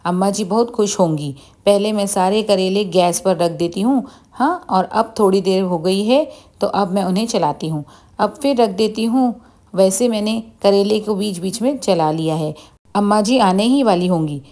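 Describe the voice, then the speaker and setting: A woman's voice: mid-range voice, normal speed, mellow, lightly acted. A woman doing a naive cheerful young wife. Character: naive young daughter-in-law, cheerful and foolish.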